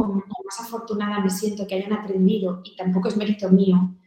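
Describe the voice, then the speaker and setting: A middle-aged woman speaks in an earnest, storytelling way during an interview. Her voice is mellow and soft-edged. The room around her is strongly echoey. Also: mid-range voice. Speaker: founder of a volunteer mothers' group, guest. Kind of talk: conversational interview answers.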